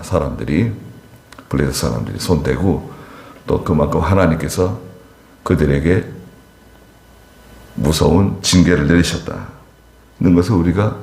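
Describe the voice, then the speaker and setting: Deep-voiced preaching man, echoey hall. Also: gravelly. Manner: animated storytelling, voice rising sharply for emphasis and falling low for asides. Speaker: pastor. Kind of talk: Wednesday service sermon. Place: church sanctuary.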